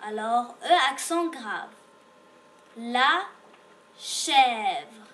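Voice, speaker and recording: In a slow beginner lesson, a French reading teacher sounds out letters and repeats each word patiently. Her voice is a little high, expressive, a bit bright, and very slow.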